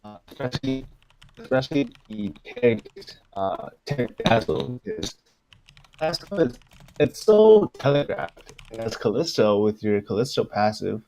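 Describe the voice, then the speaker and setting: A man's voice: mid-range voice, a little slow, soft background music. A man co-casting a live esports match, calling the action with lots of "um" and "uh". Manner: lively, with frequent "um" and "uh". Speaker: esports co-caster.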